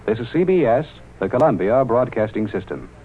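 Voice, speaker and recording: A man reading a formal wartime radio news bulletin in a measured announcer delivery, with the sound of an old newsreel broadcast. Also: mid-range voice, animated, slightly rough. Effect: old newsreel-style radio broadcast sound. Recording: tinny, narrow-band 1940s radio broadcast.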